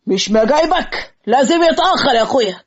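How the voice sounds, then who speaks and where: Brief: a woman doing a bargaining older cartoon father, fast, lo-fi. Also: high-pitched, animated. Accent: Egyptian. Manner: haughty, bargaining. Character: proud older father of the bride, demanding. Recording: lo-fi muffled audio.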